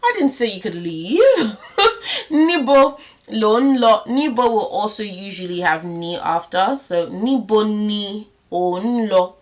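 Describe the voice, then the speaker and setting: A woman teaching a language lesson, explaining step by step and repeating example phrases slowly, checking in often with the listener. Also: medium pitch, animated.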